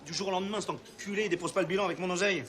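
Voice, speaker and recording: An actor playing a boastful male garment trader who tells crude stories fast. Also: high-pitched, noisy background, natural voice. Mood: bragging.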